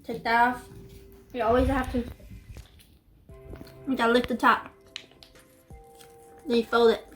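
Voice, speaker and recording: A woman's voice: fairly high pitch, flat delivery, unhurried, pauses often, a bit bright, reverberant, soft background music. A young woman vlogging casually, chatting and eating snacks as she talks. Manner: chatty, eats while talking. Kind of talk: casual snack-tasting vlog.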